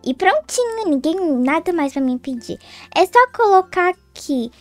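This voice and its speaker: A sweet, scheming schoolgirl from a game role-play, played by a girl. Her voice is high and excitable, and she coos and chatters to herself. Soft music sits faintly behind her. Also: normal speed, no room sound. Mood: eager. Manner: cooing, excitable, talks to herself. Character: sweet, scheming schoolgirl who loves babies.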